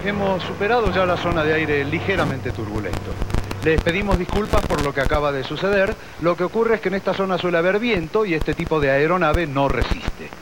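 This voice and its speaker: A man's voice: on the high side, a little fast, rough recording. A man playing a clueless pilot on the PA. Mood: formal. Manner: formal, stiff announcer delivery with deadpan absurd remarks. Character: bumbling male airline captain on his first flight. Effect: announcing over the plane's PA system.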